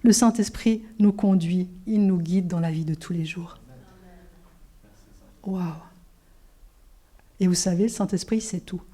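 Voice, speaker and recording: A middle-aged woman preaching in a church, telling her testimony with lively storyteller energy. Her voice is warm and mellow, dipping into near-whispers and climbing into bright exclamations. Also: mid-range voice. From Switzerland. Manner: animated storytelling, drops to whispers and rises to exclamations. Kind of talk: sermon with personal testimony.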